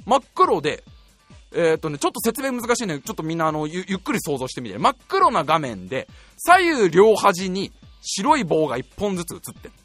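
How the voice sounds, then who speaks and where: A man telling a comic anecdote in a casual, animated way, often laughing as he goes. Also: sits high, a little fast, no echo, faint music behind. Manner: animated, laughing while telling a story, acting out voices.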